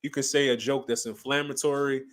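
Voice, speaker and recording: Male podcast co-host, mid pitch, emphatic casual chatter. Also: steady tone, fairly quick, a bit bright. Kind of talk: casual chat.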